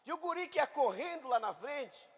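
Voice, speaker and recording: A man from Brazil, a pastor, telling a story in an animated sermon and acting out voices in the quotes. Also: very high voice, normal speed, long reverb tail. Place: church hall.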